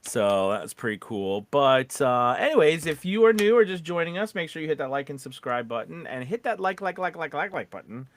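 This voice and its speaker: A voice actor co-hosting a podcast chats casually and rambles, playfully repeating words. His voice is a little high and animated, moving a little fast with few pauses.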